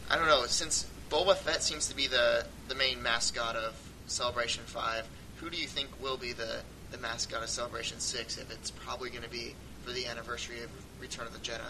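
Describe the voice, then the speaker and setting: A man's voice: steady tone, fairly quick, hardly any pauses. Chatty man on a noisy fan podcast. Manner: chatty, laughs often, trails off and restarts. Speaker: podcast co-host. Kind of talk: casual fan chat. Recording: noisy home recording with rumble.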